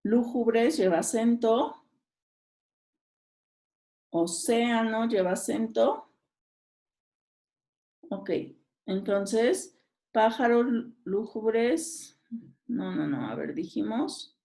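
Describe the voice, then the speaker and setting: A woman's voice: fairly high pitch, extremely slow, pauses often, mellow. A woman teacher, reading exam questions aloud and talking through each answer, often checking in with her listeners. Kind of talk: exam review lesson.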